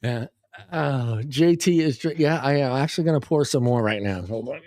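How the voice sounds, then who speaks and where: A man's voice: mid-range voice, normal speed, darkish tone, no echo. A man in easy, joking conversation, laughing between lines and teasing his co-hosts. The recording is dry and close, with no room sound. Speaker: podcast co-host. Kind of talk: casual chat.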